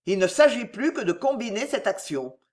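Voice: medium pitch, big pitch swings, normal speed, a little mellow, close to an everyday voice. A reader voicing a zealous, hot-tempered cardinal who speaks fervently and harshly.

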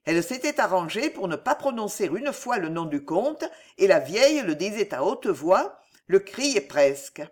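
A woman narrating a historical novel aloud in a dramatic, expressive way. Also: mid-range voice, normal speed, few pauses. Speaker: audiobook narrator.

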